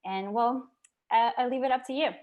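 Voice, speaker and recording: An upbeat woman hosts an online workshop over a video call. Her voice sits a little high, and she talks in a chatty way, full of fillers and quick laughs. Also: phone-quality sound. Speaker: workshop host.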